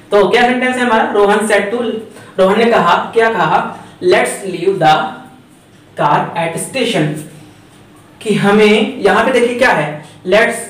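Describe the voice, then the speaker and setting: A man's voice: high voice, fairly bright tone, distant mic. Echoey man teaching grammar. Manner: chatty, repeats points, asks and answers himself. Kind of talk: lecture. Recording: echoey room, voice from off the mic.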